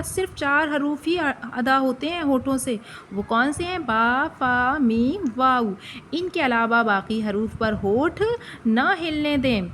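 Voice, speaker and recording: A woman with a Pakistani Urdu accent teaching a recitation lesson, slowly sounding out letters and asking questions back to the learner. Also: high-pitched, a little hiss or hum. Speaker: Quran reading teacher.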